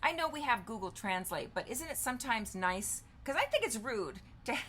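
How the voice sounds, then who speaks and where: A woman's voice: a little high, big pitch swings, normal speed, a bit bright, slight background noise. A woman in her fifties talking casually to camera, thinking aloud and reading answers off her screen. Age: 50s. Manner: chatty, thinks aloud while typing, reads answers aloud. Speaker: vlogger. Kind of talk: casual chat while demonstrating.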